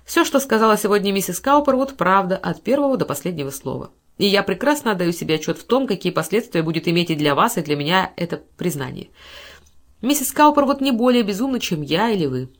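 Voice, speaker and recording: A woman voicing a cold, calm, menacing male banker who speaks with icy mockery. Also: medium pitch, fast.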